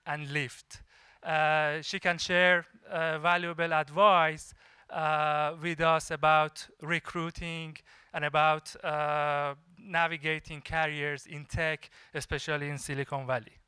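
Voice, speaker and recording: A man hosting a live event and introducing speakers in a halting, hesitant way with pauses. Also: a little high, sharp tone, smooth, dry recording.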